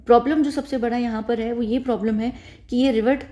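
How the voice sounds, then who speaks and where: Speaking fast with fairly even intonation, this woman has a slightly high, dark-toned voice. She's a YouTube commentator chatting loosely to camera, wandering off track, repeating herself and fixing her own words as she goes.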